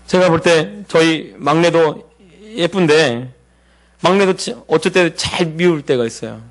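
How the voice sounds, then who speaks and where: A male pastor preaching a sermon, mixing scripture with homey stories about his family and acting out quoted dialogue in a softer voice. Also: fairly high pitch, unhurried.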